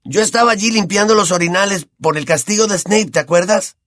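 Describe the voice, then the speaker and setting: A man's voice: high-pitched, fairly quick, a bit bright, no echo, clean studio sound, pitched above the performer's own voice. A man doing a boisterous teenage boy. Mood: excited. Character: excitable teenage boy, joking and impatient.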